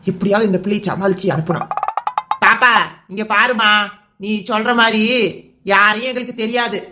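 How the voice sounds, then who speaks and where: A woman's voice: mid-range voice, steady tone, moderate pace, natural voice. A woman voicing a fussy grey-haired village man in a cartoon serial, grumbling and flustered in rural banter. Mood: fretful. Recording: music bed under voice.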